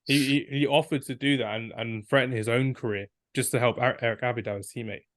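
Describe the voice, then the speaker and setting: A man's voice: medium pitch, steady tone, quick pace, a bit bright, no echo. Man, young, podcast co-host, enthusiastic, rambling, dry recording. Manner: enthusiastic, rambling, acts out quotes. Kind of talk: casual football debate.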